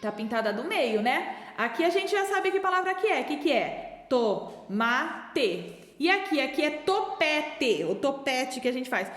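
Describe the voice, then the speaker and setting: A woman teacher with a high, very animated voice, coaxing young pupils through words one syllable at a time. She speaks patiently, stretching each sound. The recording carries a noticeable room echo with a long tail of reverb. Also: moderate pace. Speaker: primary school teacher. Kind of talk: remote literacy lesson.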